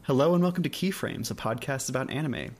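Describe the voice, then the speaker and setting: A man's voice: mid-range voice, quick pace, over music. A man hosting an anime podcast in casual chat, joking and laughing often. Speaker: podcast host.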